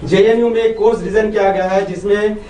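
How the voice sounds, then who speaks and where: A man's voice: sits high, steady tone, a little fast, warm tone, slight background noise. Distant echoey male reporter. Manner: polite, addresses the speaker as sir. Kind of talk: asking questions at a press conference.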